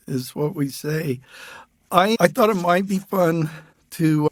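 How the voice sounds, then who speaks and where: Older man, podcast host, fairly high voice, dry close sound, easygoing, good-humored. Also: no echo. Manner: warm-humored, laughs easily, restarts phrases. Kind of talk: relaxed conversational interview.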